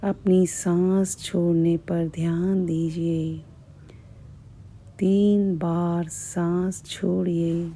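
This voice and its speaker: A woman hypnotist guiding a relaxation in a hushed, breathy, measured voice, repeating soothing phrases with long pauses. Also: on the low side, level tone. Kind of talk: slow, soothing guided hypnosis.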